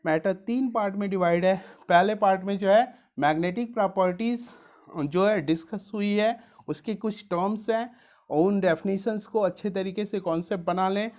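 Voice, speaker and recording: A woman's voice: mid-range voice, moderate pace, a little mellow. A woman physics teacher explaining how to study a chapter for exams. She mixes in English science terms, calls her listeners dear students, and keeps stressing which topics are important. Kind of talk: exam study-guide lesson.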